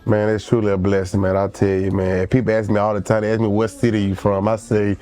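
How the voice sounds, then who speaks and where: A man's voice: lowish voice, fast. A young man, talking casually as a guest on a podcast and saying "man" a lot. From Alabama. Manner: relaxed, repeats "man" often. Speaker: guest football player.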